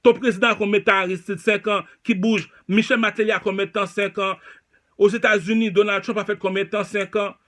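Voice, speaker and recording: A man rambling through a comic monologue, repeating himself and bursting out loudly. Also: high voice, little pitch movement, a little fast. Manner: rambling, repetitive, with sudden loud outbursts.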